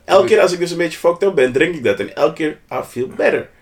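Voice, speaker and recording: A man's voice: fairly high pitch, fairly quick. Een man met een Nederlands die in een ontspannen gesprek geanimeerd verhalen vertelt, met Engelse straattaal en klanknabootsingen ertussen. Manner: animated, slangy, mixes in English phrases and sound effects. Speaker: podcast co-host. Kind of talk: casual storytelling chat.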